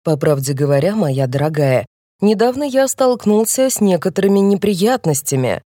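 A woman voicing a dejected elderly man, a retired finance director, speaking slowly with a trembling, downcast voice. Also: lowish voice, lively intonation, warm tone, no echo, clean studio sound.

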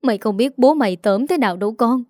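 A woman's voice: fairly high pitch, lively intonation, fast talker, darkish tone, no room sound, studio quality, natural voice. A woman voicing an aging village mother who is tearful and bitterly complaining.

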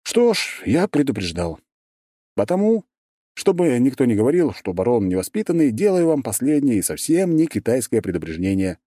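A man's voice: mid-range voice, sing-song, moderate pace, mellow, no echo, clean studio sound, pitched above the performer's own voice. A male narrator voicing a cocky young baron who delivers polite, mocking threats in an audiobook.

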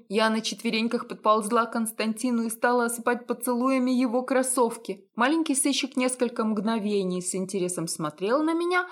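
A woman narrating a first-person novel as an audiobook, with an even, expressive reading. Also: fairly high pitch.

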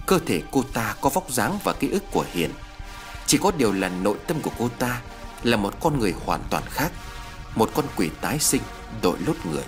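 A man's voice: lowish voice, sing-song, a little fast, music in the background. A man narrating a horror story in a scripted, dramatic storytelling style.

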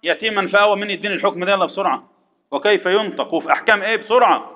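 A man with an Egyptian accent teaching Quran recitation rules to a class, firing quick repeated questions at students and chanting verses slowly. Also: sits high, faint music behind. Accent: Egyptian Arabic. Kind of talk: classroom tajweed lesson. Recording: echoey hall, dull lo-fi sound.

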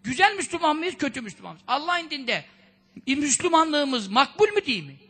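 A man preaching a conversational sermon, firing off rhetorical questions, scolding in a lively way and quoting Arabic sayings. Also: extremely high pitch, normal speed. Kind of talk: religious sermon talk.

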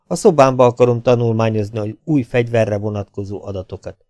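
A man's voice: on the low side, darkish tone, no room sound, natural voice. A man voicing a cold, commanding male dictator who speaks in clipped, stern orders, in a dry audiobook reading.

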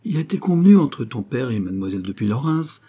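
A man reading the part of an aristocratic mother in an audiobook, pleading her case with measured, earnest persuasion. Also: mid-range voice, big pitch swings, dark tone, husky. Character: devoted aristocratic mother, middle-aged woman, calm and firm.

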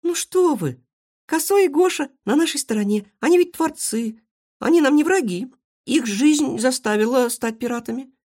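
Excitable little guinea pig girl, squeaky and way up high. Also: normal speed. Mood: pleading. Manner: squealing, exclaiming, breathless delivery.

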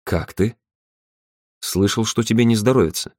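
A man reading a male caller who speaks slowly and carefully in an audiobook. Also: fairly low pitch, a little mellow, no room sound, studio quality, natural voice.

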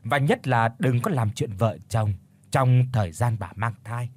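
A man voicing a proud village herbal healer who talks slowly and self-importantly. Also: medium pitch, darkish tone, lightly acted. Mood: grave.

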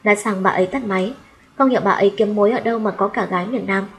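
A woman narrating a first-person audiobook story. She reads in a steady, even storytelling manner, with clear and unhurried delivery. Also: mid-range voice, low-quality recording.

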